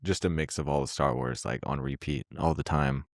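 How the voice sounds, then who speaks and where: A young man with a low, deep voice talks through a podcast conversation in a loose, laid-back way. He swears freely and laughs often while retelling a film scene. The sound is dry and close to the mic. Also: steady tone, a little fast, dry recording. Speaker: podcast host. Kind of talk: casual chat.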